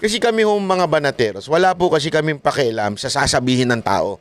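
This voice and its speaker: A man from the Philippines giving animated political commentary as a vlogger, mocking his critics and laughing often. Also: fairly high pitch, quick pace, dry recording.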